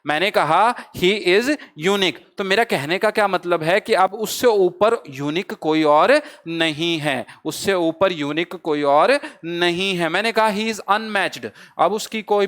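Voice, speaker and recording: Man, high smooth voice, grammar teacher, asks and answers his own questions, teasing. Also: measured pace, hardly any pauses, a bit bright. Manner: asks the class a question, then answers it himself; calls listeners brother and friends. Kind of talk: exam-prep grammar lesson.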